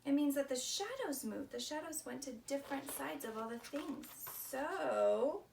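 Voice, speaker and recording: Here a woman with a high-pitched, creaky, darkish voice reads a story to children, using simple, expressive phrases and asking them questions. Her intonation is lively though her pace is a little slow. A faraway microphone picks up faint background noise.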